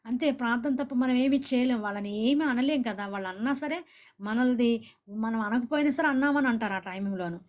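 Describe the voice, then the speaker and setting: Woman preacher, somewhat high voice, earnest exhorting sermon delivery. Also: a little fast. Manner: exhorting, asks listeners to say amen; speaks directly to viewers and comments.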